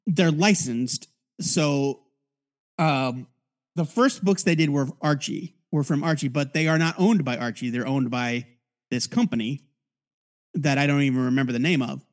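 A man co-hosting a comic book podcast in casual chat, halting and full of fillers as he restarts his words. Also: medium pitch. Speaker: podcast co-host.

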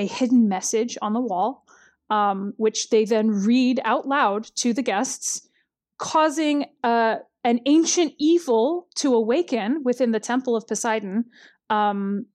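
Chatty woman with a higher voice. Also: a little mellow. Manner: chatty and wry, with frequent ums and uhs. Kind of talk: casual storytelling recap.

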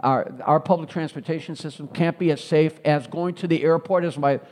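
Middle-aged man, earnest interview guest, repeats his points, voice sits a bit high. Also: fairly even intonation, fairly quick, a little mellow. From Chicago, United States. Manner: earnest, repeats phrases, stump-speech rhythm. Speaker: mayoral candidate guest. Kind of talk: radio talk interview.

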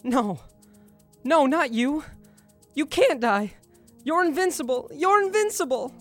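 A man's voice: medium pitch, brisk, a little mellow, faint music behind, natural voice. An actor playing an earnest, devout young male martial artist in an audio drama. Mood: distraught. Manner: earnest, emotional.

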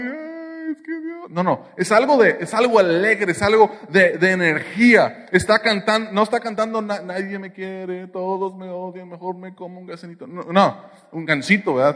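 A man's voice: high voice, fairly bright tone, in a large hall. A man with a Mexican accent preaching a sermon, with playful jokes and asides to the congregation. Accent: Mexican Spanish. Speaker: pastor.

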